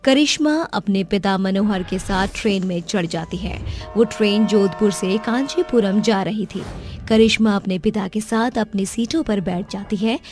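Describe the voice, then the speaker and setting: A woman narrating a cartoon story in a slow, measured storybook style. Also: medium pitch, darkish tone, faint music behind.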